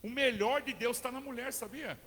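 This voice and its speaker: Fervent high-voiced Brazilian preacher in a hall. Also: male voice, normal speed. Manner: conversational, asks the congregation questions, builds to fervent shouting. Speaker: pastor. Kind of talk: sermon. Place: church. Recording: long church hall reverb with faint music.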